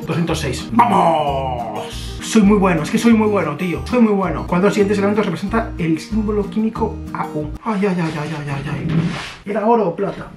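Joking young Spanish guy in an echoey room. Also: sits high. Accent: Spain Spanish. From Spain. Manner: joking, boastful, swears a lot, talks to himself. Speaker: YouTuber. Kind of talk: casual quiz vlog commentary. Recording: echoey room with music behind.

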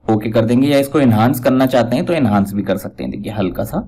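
Mellow-voiced man explaining software steps. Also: mid-range voice, quick pace, slightly rough, poor audio. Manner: talks step by step, repeats "dekhiye" while pointing things out. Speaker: software tutorial instructor. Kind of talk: casual screen-recorded tutorial.

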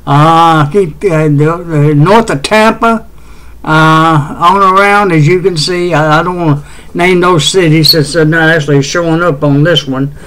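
West tennessee guy doing his home weather show, kinda high voice, lots of uh's and restarts. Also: a bit bright, poor audio. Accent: West Tennessee Southern. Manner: rambling, halting, many uh fillers and restarts, chuckles often. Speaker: amateur weather show host. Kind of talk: casual home weather broadcast.

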